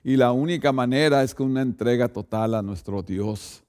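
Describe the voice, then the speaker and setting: A man's voice: medium pitch, normal speed, a little mellow, clean tone. A man, a pastor, preaching a sermon and speaking directly to the congregation, often checking in with rhetorical asides.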